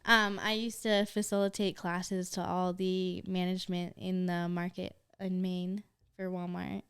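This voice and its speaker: A woman's voice: lowish voice, little pitch movement, unhurried, a bit bright, clear, resonant tone. A young adult woman guesting on a casual podcast chat, frank and easygoing, laughing often as she talks.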